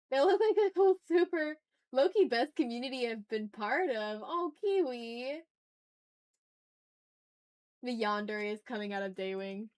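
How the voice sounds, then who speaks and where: This art livestreamer hosts while she draws, chatting in slang and muttering to herself with playfully dramatic, exasperated asides. Her voice is smooth, medium-pitched and darkish, with no room sound.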